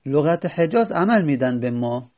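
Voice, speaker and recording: A man teaching a grammar lesson, patiently explaining and repeating examples slowly. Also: fairly high pitch, expressive, a little mellow.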